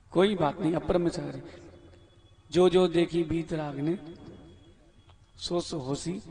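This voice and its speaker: Guy monk doing a scripture class, high pitched, talks real slow, quizzing people by name. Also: darkish tone. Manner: instructive, quizzes listeners by name and corrects their pronunciation. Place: temple hall.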